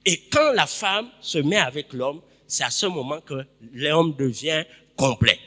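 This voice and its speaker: A man preaching a sermon in a church, emphatic, repeating his phrases and breaking into sudden loud bursts. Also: fairly high pitch, expressive, a little slow, in a large hall.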